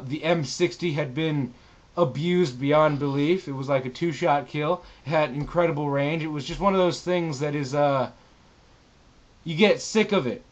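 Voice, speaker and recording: A man with a somewhat high voice speaks as a gaming vlogger. He addresses viewers casually, with emphatic, showy delivery and plenty of casual swearing. The sound is slightly dull and lo-fi. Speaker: gaming channel host. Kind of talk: casual vlog monologue to viewers.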